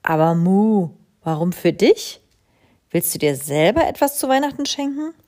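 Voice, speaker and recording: A woman voicing a kind, energetic mother cow with a friendly, bright manner. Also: on the low side, normal speed. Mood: puzzled.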